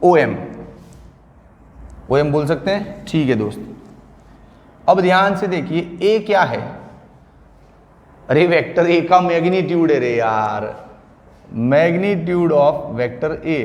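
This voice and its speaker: Slow, chatty male physics teacher. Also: a little high, expressive. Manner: chatty and informal, calls students friend and buddy; repeats terms slowly for note-taking. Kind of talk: classroom lecture at a board. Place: classroom with a large board. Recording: echoey room with long reverb.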